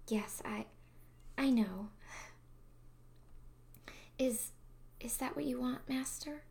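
A woman's voice: high-pitched, takes it slowly, creaky, a little mellow, heavily acted. A woman voicing a shy younger sister in an adult audio roleplay, whispering hesitantly and breathily.

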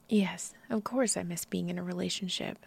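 A young woman whispering softly and breathily in a close-mic audio roleplay, shy and halting, with frequent giggles. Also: fairly low pitch, vocal fry, breathy edge. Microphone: close microphone.

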